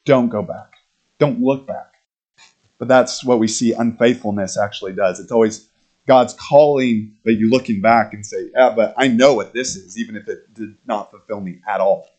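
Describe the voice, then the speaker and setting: A male pastor preaching a sermon in a conversational, animated way, acting out quoted lines and laughing between points. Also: fairly low pitch, normal speed. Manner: animated, acts out quotes in character voices.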